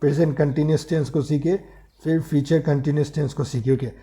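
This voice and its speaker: Man teaching grammar in a mellow voice. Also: on the high side, fairly even intonation, fairly quick. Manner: rhetorical questions and repeated drilled examples. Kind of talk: explaining grammar step by step while writing on a tablet.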